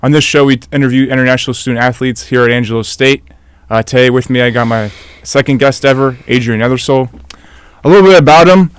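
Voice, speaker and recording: A young man hosting a casual interview podcast, asking relaxed questions full of "uh"s. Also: medium pitch, fast talker, smooth. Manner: relaxed, filler-heavy questions. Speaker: podcast host.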